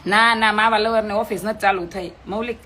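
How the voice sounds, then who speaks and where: A woman's voice: medium pitch, fairly even intonation, fairly quick, pushed and bright, a little hiss or hum. A middle-aged woman, chatting bluntly with viewers on a phone live stream, scolding and preaching.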